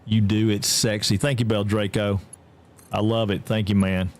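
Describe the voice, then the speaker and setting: A man from Georgia with a Southern accent, chatting casually while live-streaming a game and answering chat. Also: moderate pace. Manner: chatty, drawling, reads chat aloud, jumps high when excited.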